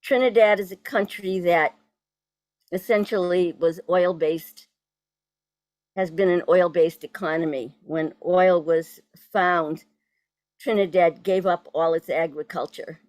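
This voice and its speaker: Slow, halting woman with a Boston accent. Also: fairly low pitch, fairly even intonation, a little mellow, dry recording. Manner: halting, deliberate. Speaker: poet introduced as guest speaker. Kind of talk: informal spoken presentation at online event. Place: virtual event on video call.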